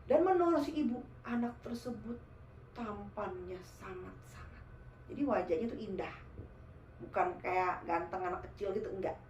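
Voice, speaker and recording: A woman casually telling a true horror story, animated and speaking directly to her listeners. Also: medium pitch, normal speed, roomy sound, a little hiss or hum. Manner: animated, addresses listeners as guys.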